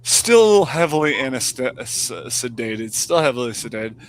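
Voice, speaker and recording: A man hosting a casual streamed podcast, an animated storyteller who swears freely. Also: medium pitch, measured pace, poor audio. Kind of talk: casual chat.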